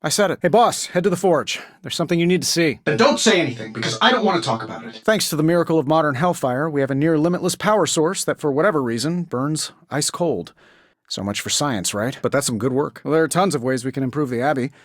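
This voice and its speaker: A man's voice: fairly high pitch, animated, fast talker, no echo, studio quality. An American man voicing a cocky, wisecracking genius inventor superhero in a video game, with sardonic, glib banter. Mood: wry, quippy. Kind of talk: video game voice acting, quippy dialogue.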